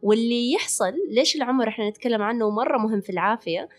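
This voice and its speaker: Racing along in a fairly high voice over faint background music, a Hijazi Saudi woman explains health topics in a chatty way, mixing in English words. She's a holistic physician and wellness coach co-hosting a podcast.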